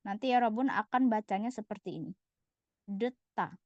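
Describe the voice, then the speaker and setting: A woman teaching a language lesson, patiently repeating each word slowly for her students. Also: mid-range voice, no room sound. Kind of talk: slide-based lesson. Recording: dull, lo-fi voice recording.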